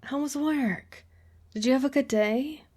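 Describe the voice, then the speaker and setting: A woman's voice: high-pitched, measured pace, dark tone. A woman voicing an affectionate young adult girlfriend in an audio role-play, playful and teasing, with casual swearing.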